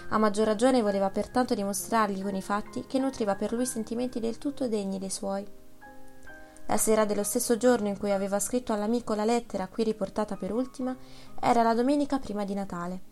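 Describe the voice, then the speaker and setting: Woman narrator, measured literary audiobook reading, mid-pitched. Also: fairly even intonation, a little mellow, soft background music.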